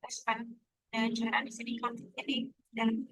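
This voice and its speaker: A woman's voice: a little high, flat delivery, normal speed, a bit bright, husky, no room sound, poor audio. A young woman student giving a casual, friendly tutorial presentation, chatty and sometimes trailing off mid-sentence. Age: young adult.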